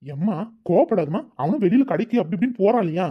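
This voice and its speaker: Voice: mid-range voice, lively intonation, fast, husky. A voice actor playing a protective, caring elder brother in a cartoon, coaxing and soothing. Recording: dull lo-fi recording.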